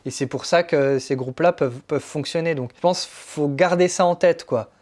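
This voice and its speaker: Chatty man with a fairly high voice. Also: brisk, a little mellow. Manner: chatty, familiar, many fillers. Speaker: music coach and YouTuber. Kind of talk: casual talk to camera.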